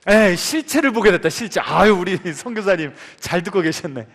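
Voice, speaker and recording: A male pastor preaches a sermon in a church sanctuary, telling a story and asking the congregation questions. His voice is high and animated with a fairly bright tone, and he keeps a moderate pace. Long church reverb fills the recording.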